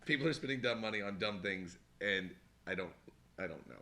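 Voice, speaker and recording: A man's voice: fairly low pitch, expressive, fairly quick, sharp tone. A man co-hosting a casual chat show, talking in an offhand way that trails off. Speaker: podcast co-host.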